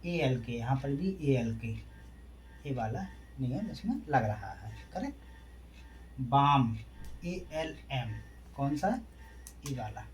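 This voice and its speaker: Male teacher, classroom lesson, very slow unhurried delivery, asks then answers his own questions, spells letters one by one, faint background noise. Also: medium pitch, lively intonation. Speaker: English teacher. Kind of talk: classroom lesson explained in Hindi.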